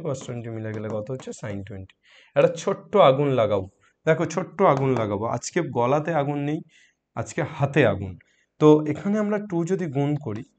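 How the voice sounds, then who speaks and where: A man with a sore throat teaching a math lesson softly, coaxing students with questions as he works problems. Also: on the high side, slight background noise. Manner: coaxing, asks students questions, mixes English math terms.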